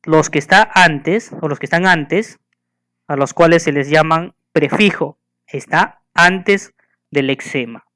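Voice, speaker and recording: A man giving a school lesson, patiently asking the listener questions and slowly spelling and counting things out. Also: fairly high pitch, sharp tone. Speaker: teacher.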